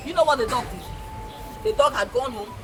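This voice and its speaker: A Nigerian-accented woman with a high voice and lively intonation tells folktales to children as an educator, speaking briskly over music. In a teacherly manner, she repeats points and asks questions.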